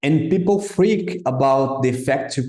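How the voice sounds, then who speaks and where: A man's voice: medium pitch, measured pace, a little mellow. A male podcast host from Brazil, a native Portuguese speaker, with a Brazilian accent, talking in a hesitant way and repeating words as he looks for the phrasing. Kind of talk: casual interview. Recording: roomy echo.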